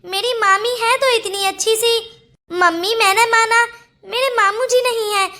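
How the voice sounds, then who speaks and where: A woman's voice: very high voice, fairly even intonation, unhurried, sharp tone, full character voice. A pleading little cartoon boy. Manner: pleading, wheedling. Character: small boy, curious and pleading. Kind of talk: cartoon voice acting.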